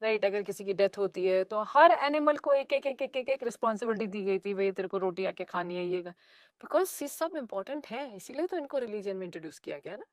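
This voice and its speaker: A woman from India, an animated lake restoration activist telling stories in an interview with playful asides. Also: mid-range voice, a little fast, no room sound, clean studio sound. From North India. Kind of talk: conversational interview storytelling.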